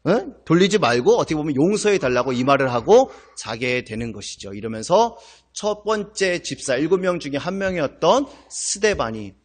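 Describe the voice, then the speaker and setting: Animated man preaching with questions. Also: on the high side. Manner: asks the congregation questions, animated and emphatic. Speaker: pastor. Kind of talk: sermon. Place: church sanctuary.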